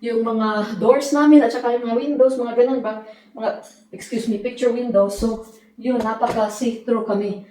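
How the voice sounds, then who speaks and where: Casual home vlogger, woman from the Philippines, middle-aged, mellow tone, roomy echo. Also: on the high side, steady tone, moderate pace, a little hiss or hum. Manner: chatty, joking, mixes Tagalog and English. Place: house interior, new home. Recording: echoey room.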